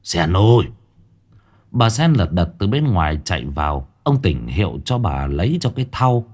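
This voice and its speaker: A man tells a ghost story in a husky, lowish voice. His pitch swoops dramatically, and faint music plays under the narration. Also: sing-song, normal speed, a little mellow.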